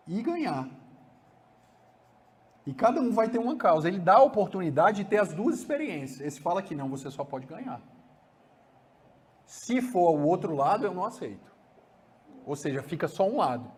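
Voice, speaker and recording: A man with a Brazilian accent giving a psychology lecture, animated and acting out examples, often adding tag questions. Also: fairly high pitch.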